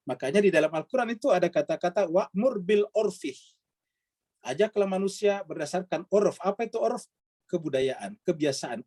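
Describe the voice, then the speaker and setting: A man's voice: a little high, darkish tone, no room sound. A man teaching a Quran study session, explaining patiently with repeated examples and rhetorical questions. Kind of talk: religious study lecture with Q&A.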